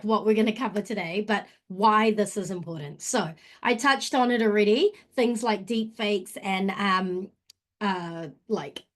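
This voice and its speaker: A woman originally from Malaysia giving a webinar presentation over a video call, relaxed and full of fillers. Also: mid-range voice. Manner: relaxed, many fillers, mixes in te reo Māori phrases. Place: home in Auckland.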